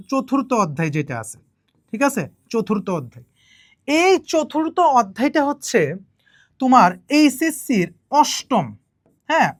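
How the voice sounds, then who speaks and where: Slow, repetitive woman chemistry teacher. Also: a little high, no echo, clean studio sound. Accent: Bangladeshi Bengali. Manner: repetitive, checks in with students often; speaks slowly and deliberately. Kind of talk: online exam-prep lesson.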